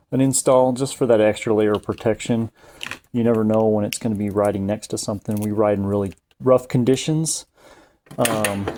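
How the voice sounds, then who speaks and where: An installer narrates a casual, step-by-step, hands-on installation tutorial in a plain-spoken, folksy manner. His voice is on the low side and mellow. Background noise is clearly audible, with occasional clicks.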